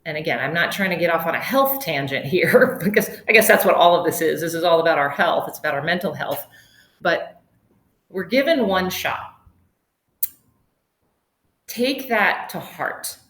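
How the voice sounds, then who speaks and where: Brief: middle-aged woman, lowish voice, a chatty wellness webinar host who drifts into tangents. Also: expressive, normal speed, pauses often, a bit bright. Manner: chatty, digressive, laughs often. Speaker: yoga instructor and webinar host. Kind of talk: casual webinar talk. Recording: roomy echo.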